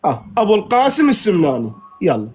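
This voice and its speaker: Fast insistent man debating. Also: high-pitched, very animated, faint music behind. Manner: insistent, repeats challenges. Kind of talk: heated online debate.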